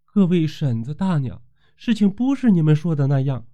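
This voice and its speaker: A fierce young village woman, as a male storyteller puts her on in a falsetto pitched far above his own voice. She stammers and shouts shrilly, and the recording is dull and lo-fi. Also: big pitch swings, normal speed. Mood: tearful pleading.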